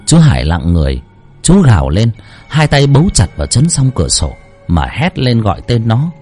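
A man's voice: mid-range voice, huge pitch swings, normal speed, breathy edge. A man reading a scripted horror story aloud with dramatic expression. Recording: faint background music. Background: soft music.

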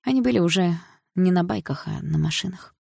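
Low, gravelly female audiobook narrator. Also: lively intonation, brisk, a little mellow, no echo, clean studio sound. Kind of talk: first-person novel reading.

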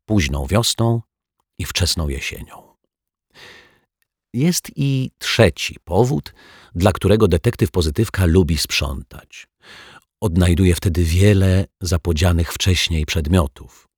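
A man narrating a children's storybook in an expressive, lively reading style. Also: low voice, takes it slowly, slightly rough, no echo, clean studio sound. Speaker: audiobook narrator.

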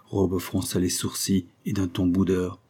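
A man reading a classic story aloud in a measured, even narration. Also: low-pitched, breathy edge. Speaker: audiobook reader.

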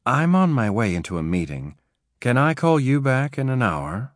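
This is a smooth, persuasive woman scammer working a phone call, her voice coaxing and slightly seductive, done by a male audiobook narrator raising his voice for her. The delivery rises and falls with lively inflection. It sounds close and dry, with no room around it. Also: medium pitch, brisk, no room sound, pitched above the performer's own voice, lightly acted. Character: smooth-talking female identity thief, adult.

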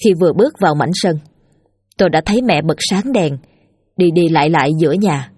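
A woman narrating a scripted horror story in a steady, tense storytelling manner. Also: low voice, fairly quick, slightly rough, dry recording, clean studio sound. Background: faint music.

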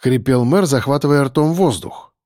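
A man's voice: medium pitch, moderate pace, darkish tone, no echo. Man reading a story, dry close sound. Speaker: audiobook narrator. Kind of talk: scripted narration.

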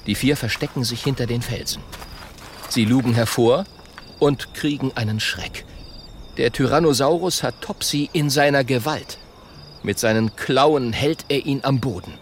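A man narrating a children's story in an expressive scripted style. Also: medium pitch, normal speed, a little hiss or hum.

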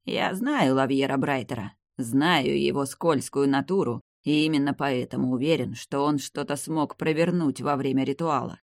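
A man's voice: medium pitch, normal speed, gravelly, few pauses, no echo, clean studio sound, lightly acted. A man voicing a stern old vampire patriarch. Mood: grave. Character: old male vampire clan head, stern grandfather. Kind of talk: audiobook character reading.

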